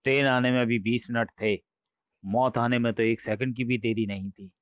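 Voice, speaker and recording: Brisk commanding station master, a man reading, horror comic audio, dry muffled recording. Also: medium pitch, fairly even intonation, no echo, lightly acted. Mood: stern. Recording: dry, slightly dull recording.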